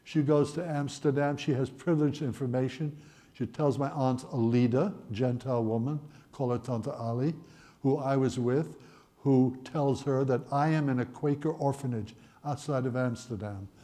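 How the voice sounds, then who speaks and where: A man in his eighties from the Netherlands, telling his life story in a wry, gently humorous way. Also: medium pitch, normal speed. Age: 80s. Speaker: Holocaust survivor speaker. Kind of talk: personal storytelling talk.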